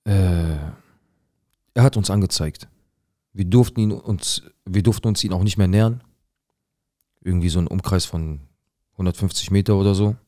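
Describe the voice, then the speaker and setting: A young man acting out a rough-talking, paranoid drug dealer who tells his own story in a dramatic monologue full of slang and swearing. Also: low-pitched, moderate pace, long pauses, dark tone, no room sound, clean studio sound, natural voice. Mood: tense. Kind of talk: dramatic first-person monologue.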